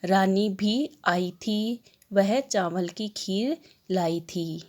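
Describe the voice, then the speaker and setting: A woman's voice: mid-range voice, drawn-out words, darkish tone. A woman teacher with an Indian accent, giving an online lesson and stressing each word as she reads lists of words aloud. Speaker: school teacher.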